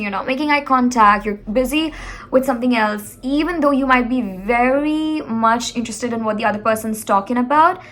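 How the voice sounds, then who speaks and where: Woman communication coach, higher-pitched, animated, direct-to-viewer advice. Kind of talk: motivational advice talk.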